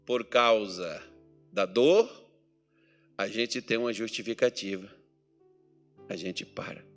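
A man's voice: lowish voice, slow pace, soft background music. A Brazilian man preaching at a church meeting, conversational and anecdotal, rising to emphatic peaks. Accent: Brazilian Portuguese. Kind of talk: sermon.

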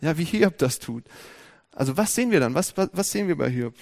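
German-speaking man preaching, lively and direct. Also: fairly high pitch, brisk, gravelly. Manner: lively, asks rhetorical questions, addresses the congregation directly. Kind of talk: sermon.

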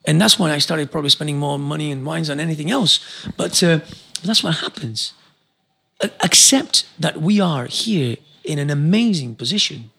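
A man from Argentina talks as a guest on a podcast, pressing his point with fervour and stacking up repeated words. His voice sits a bit high, rough with gravel and a husky grain. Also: normal speed, pushed and bright. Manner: passionate, exhortative, many repeated words. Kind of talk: casual interview chat.

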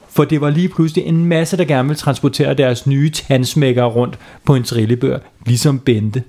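A man's voice: a little high, a little mellow. Guy reading a goofy kids story, playful, chats with the kids. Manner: playful, talks with kids listening. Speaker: storyteller, host. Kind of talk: children's story narration.

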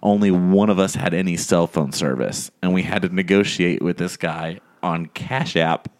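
A man's voice: low voice, normal speed. A man hosting a podcast, telling a long anecdote in casual chat and acting out the people in it. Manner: animated storyteller, acts out quoted voices. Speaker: podcast host.

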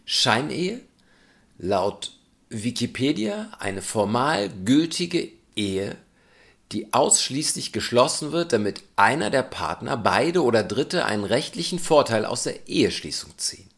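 A man's voice: mid-range voice, very animated, unhurried, gravelly, a bit bright. A man giving a reflective spoken essay in a thoughtful, questioning, argumentative way.

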